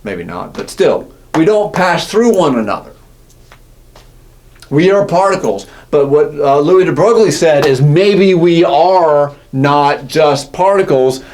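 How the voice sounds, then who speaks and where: A man lectures on physics in a relaxed classroom way. He corrects himself as he goes and keeps checking in with his listeners. His voice sits a little higher than most men's. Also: slow. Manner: casual, self-correcting, asks "right?" often. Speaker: physics teacher.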